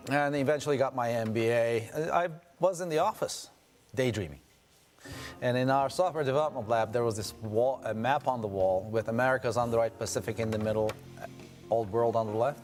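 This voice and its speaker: Man, from Turkey, interview guest, reflective storyteller, faint music behind. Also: mid-range voice. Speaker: guest adventurer. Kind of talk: interview answers.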